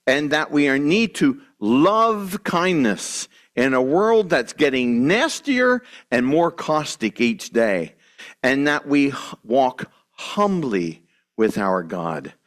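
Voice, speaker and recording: A man's voice: mid-range voice, very animated, slow pace. A man preaching a sermon to his congregation, earnest and emphatic, with restarts and asides. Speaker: pastor.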